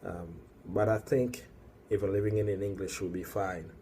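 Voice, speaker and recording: A young adult man from the Congo, an activist whose first language is Swahili or Lingala, speaks English alone to a camera indoors at night while working. His deep, mellow voice moves at normal speed with fairly even intonation, and the audio carries a little hiss or hum. He starts hesitantly, with many fillers, then builds into emphatic warnings.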